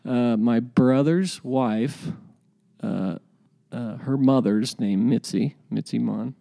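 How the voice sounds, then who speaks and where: A man's voice: mid-range voice, slow, vocal fry, warm tone. A man hosting a podcast in a casual, rambling way, with informal buddy slang and musing, hesitant delivery. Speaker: podcast host.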